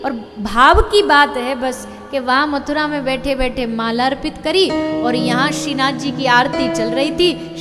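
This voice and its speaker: A woman telling a devotional story as a sermon, acting out the characters' lines with lively expression. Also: high-pitched, long reverb tail. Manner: lively, acts out dialogue in the story. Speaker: spiritual storyteller.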